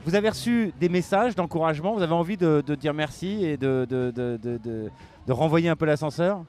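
A man's voice: a little high, a little fast, a little mellow. A man hosting an on-site radio interview, hesitant and full of fillers, with music playing behind him. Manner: hesitant, many fillers, insistent about mic distance. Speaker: radio host.

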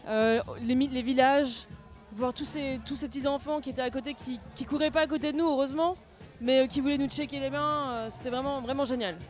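A woman's voice: sits high, fairly even intonation, brisk. A woman competing in an adventure race, answering interview questions hesitantly with many restarts, music faintly behind. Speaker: race participant.

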